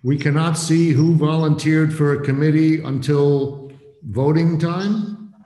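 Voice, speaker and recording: A man, a member of the co-op, asking measured questions during an online meeting. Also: on the high side, fairly even intonation, warm tone. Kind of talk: casual online meeting talk. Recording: roomy echo with a long tail.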